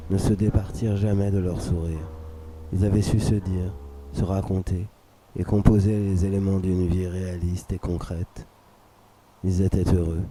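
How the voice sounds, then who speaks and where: A man reading a scripted dramatic story for radio in a measured, solemn, literary way. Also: deep voice, noisy background. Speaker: narrator. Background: music under the voice.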